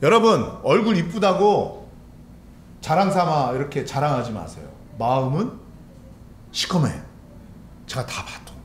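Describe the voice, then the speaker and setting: Lively, high-voiced man preaching in an echoey church. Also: unhurried, pauses often. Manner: lively, conversational preaching with questions to the congregation. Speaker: pastor. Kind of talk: sermon. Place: church sanctuary. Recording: echoey church with faint room noise.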